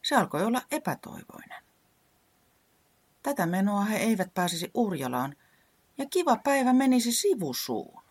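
A woman narrating an action story for children and guiding them through movements, in an animated way. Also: mid-range voice, pauses often, slightly rough, dry recording.

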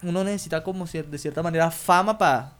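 A man's voice: a little high, fast, a bit bright. Slangy Colombian coastal man, casual chat. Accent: Colombian Caribbean coast. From Colombian Caribbean coast. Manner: slangy, swears freely, acts out quoted voices. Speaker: comedian, podcast co-host.

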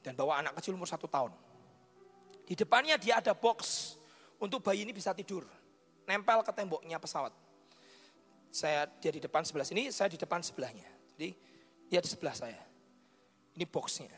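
Seorang pria berlogat Jawa berkhotbah sambil bercerita, menghidupkan adegan dengan bunyi-bunyian dan menyapa jemaat secara langsung. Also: male voice, on the high side, brisk, pauses often, breathy edge. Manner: animated, acts out scenes with sound effects; addresses the congregation directly. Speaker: preacher. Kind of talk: sermon with storytelling. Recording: reverberant hall with faint music.

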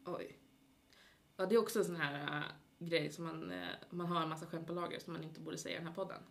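Low-voiced woman with a Stockholm accent. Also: fairly even intonation, creaky. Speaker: podcast co-host. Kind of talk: casual joking chat.

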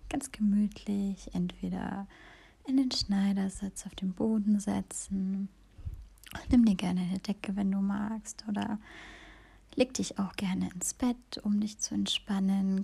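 A woman whispers a guided meditation in a slow, soothing hush. Her voice is dark, with a gravelly edge. Breath carries through every word. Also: medium pitch. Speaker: podcast host and meditation guide.

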